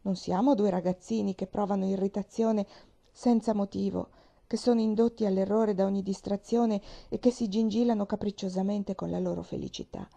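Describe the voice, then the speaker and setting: A woman reads a classic novel aloud at a steady, measured pace. Her voice is very dark and mellow, with a gravelly grain running through it. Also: medium pitch. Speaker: audiobook reader.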